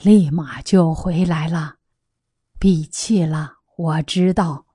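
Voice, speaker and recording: A woman reading as a calm elderly Buddhist laywoman. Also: deep voice, husky, dry recording, studio quality, exaggerated voice. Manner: slow, plain, homely retelling. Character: elderly female lay Buddhist, calm, facing death.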